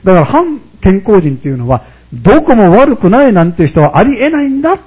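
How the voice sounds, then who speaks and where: A man in his sixties delivers a conversational sermon to his congregation, joking and turning to them often while keeping his voice low. His voice sits high for a man and swings up and down with lively, animated pitch. A husky edge runs through his quick delivery. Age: 60s. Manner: chatty and humorous, often addressing the audience directly. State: speaking quietly, holding his voice down. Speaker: Buddhist temple priest.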